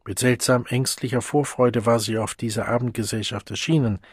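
Husky male audiobook narrator. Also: mid-range voice, steady tone, moderate pace, dry recording, clean studio sound. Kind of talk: scripted narration.

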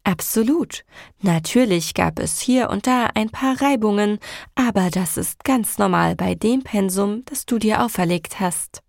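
A woman voicing a gentle, harmony-loving female inner voice that speaks in a soothing, reassuring way. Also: mid-range voice, animated, measured pace, vocal fry, no echo, studio quality.

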